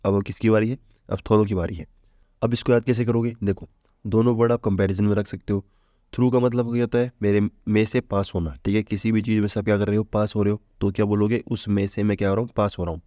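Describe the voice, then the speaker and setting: A man teaching a relaxed vocabulary lesson in a low, mellow voice. He talks chattily, constantly posing questions and answering them himself. The sound is dry and close to the mic. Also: fast talker, no room sound. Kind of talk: casual Hindi exam-prep lesson.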